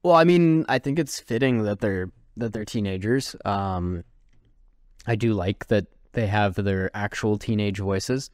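A man's voice: lowish voice, a little slow, no room sound, clean studio sound. A man co-hosting a casual podcast, easygoing and teasing his co-host. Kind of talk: casual chat.

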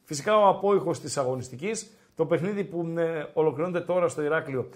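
A man hosting a casual podcast chat over a live match, giving betting picks with teasing remarks and drawn-out hesitations. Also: on the high side, a little mellow. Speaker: podcast host and betting tipster.

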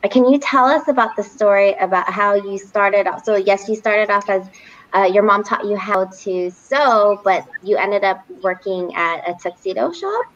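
A woman's voice: mid-range voice, normal speed. A woman co-hosting an interview, asking gushing, meandering questions. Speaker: co-host. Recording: dull lo-fi audio.

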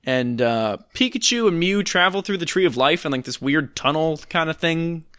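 Sarcastic guy rambling thru a movie recap, high-ish voice, dead dry sound. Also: lively intonation, moderate pace, fairly bright tone, smooth, no echo. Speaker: podcast co-host recapping films. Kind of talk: casual chat.

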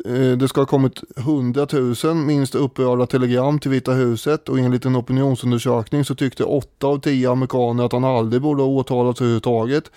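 A man co-hosts a casual history podcast in a warm, mellow voice. He speaks thoughtfully, stopping often on fillers as he works out his points. The sound is close and dry, with no room around it. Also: mid-range voice, little pitch movement, hardly any pauses, no echo. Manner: thoughtful, hesitant with many fillers. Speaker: podcast co-host.

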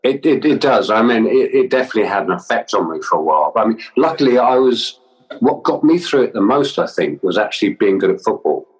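Laid-back man with a low voice. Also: fast, rough recording. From London, with schooling in Wales. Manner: relaxed, laughing often, stammering restarts. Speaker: guest, fashion stylist. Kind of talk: casual interview chat.

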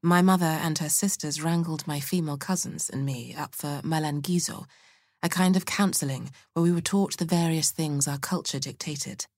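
A woman reads a first-person essay in a measured, earnest way. Her voice is notably low for a woman. The sound is close and dry, with no room around it. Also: a little mellow, no echo. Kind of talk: scripted audiobook essay reading.

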